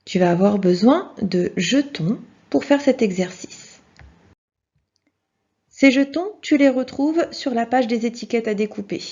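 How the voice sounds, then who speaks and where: A woman's voice: a little high, measured pace, dark tone, husky. A woman teaching a children's video lesson, speaking patiently and encouragingly and addressing the child directly. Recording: dull lo-fi sound.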